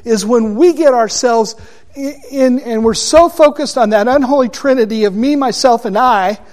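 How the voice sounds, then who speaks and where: A man teaching a Bible study class, deliberate and asking his listeners questions. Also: very high voice, a little mellow.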